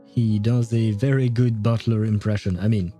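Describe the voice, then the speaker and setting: A man's voice: lowish voice, little pitch movement, normal speed, dark tone, faint music behind. A man giving casual game commentary as a streamer, in an amused, hesitant, rambling way. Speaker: gaming streamer playing through a story.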